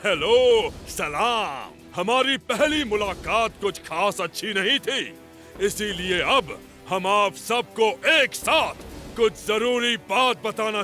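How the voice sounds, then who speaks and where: A gloating alien supervillain. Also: male voice, sits high, sharp tone, full character voice. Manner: gloating, commanding. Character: boastful male alien supervillain, power-hungry. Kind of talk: cartoon voice acting. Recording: music behind.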